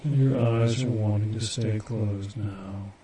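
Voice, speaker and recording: A man guiding a hypnosis induction, speaking slow, soothing, repetitive suggestions. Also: lowish voice, fairly even intonation, background noise.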